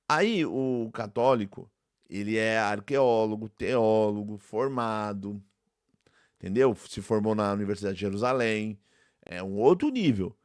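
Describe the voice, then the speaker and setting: A man's voice: mid-range voice, no room sound. Brazilian man, dry reaction commentary. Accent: Brazilian Portuguese. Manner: conversational, repeats points, addresses viewers as "gente". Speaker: theology professor and channel host.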